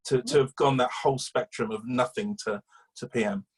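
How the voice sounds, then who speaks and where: A man's voice: medium pitch, fairly even intonation, brisk, husky, poor audio. A man, a campaigner telling a long chatty story in an interview, rambling with fillers and restarts. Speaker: guest, animal welfare campaigner.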